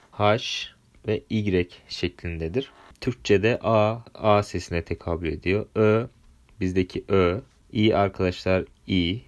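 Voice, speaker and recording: A man with a Turkish accent teaching a French grammar lesson, patiently spelling out sounds letter by letter. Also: deep voice.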